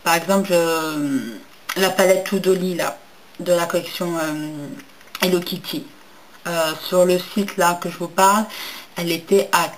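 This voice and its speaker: A woman's voice: fairly low pitch, slight background noise, low-quality recording. A young woman chatting casually in a makeup haul video, hesitant with many fillers and restarts, and enthusiastic about packaging. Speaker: beauty vlogger.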